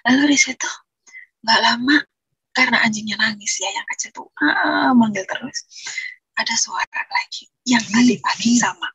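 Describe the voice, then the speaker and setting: A woman's voice: fairly high pitch, moderate pace, a bit bright, breathy edge, no echo, muffled recording. A woman, earnestly telling her personal testimony in a rambling way, often restarting her sentences. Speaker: guest giving a testimony.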